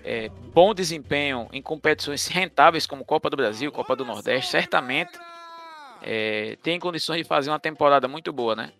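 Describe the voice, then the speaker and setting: A man co-hosting a casual football discussion, halting as he searches for words. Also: on the high side, expressive, bright, forceful tone, soft background music. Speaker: football podcast co-host.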